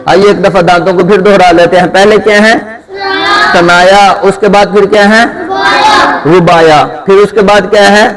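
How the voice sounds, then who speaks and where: A man's voice: high voice, fairly even intonation, very noisy. A man teaching Quran letter pronunciation, asking his students questions and answering them himself, drawing out each letter sound. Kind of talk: Urdu tajweed lesson, call-and-response drilling. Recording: long hall reverb.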